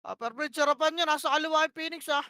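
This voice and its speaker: A woman's voice: high-pitched, steady tone, rapid-fire, sharp tone, no room sound, clean studio sound. A woman calling plays to her team during an online game, bossy and profane, firing off short repeated commands. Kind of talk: live gameplay shot-calling.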